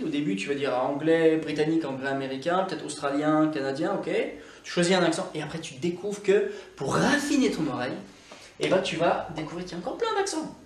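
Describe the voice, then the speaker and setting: A Scottish man, native English speaker, coaching learners in a lively, repetitive way. His voice sits a little high for a man. He is recorded from a distance in a roomy, echoing space with faint background ambience. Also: a little hiss or hum. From Scotland. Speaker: English teacher. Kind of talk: casual video lesson. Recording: echoey room, mic at a distance.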